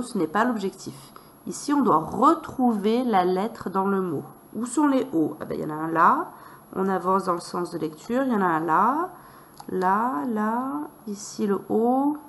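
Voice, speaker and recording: A woman teacher walking parents through a reading method, sounding out letters and syllables slowly and deliberately. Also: medium pitch, a little hiss or hum.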